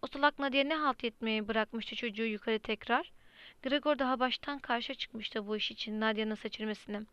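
A woman reading a novel aloud as an audiobook narrator, in a steady, even storytelling manner. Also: fairly high pitch, normal speed, clear, resonant tone, no echo. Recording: dry, slightly muffled lo-fi recording.

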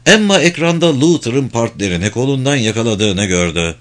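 A man reading a suspenseful novel aloud in a measured, steady narration. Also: medium pitch. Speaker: audiobook narrator. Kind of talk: scripted narration.

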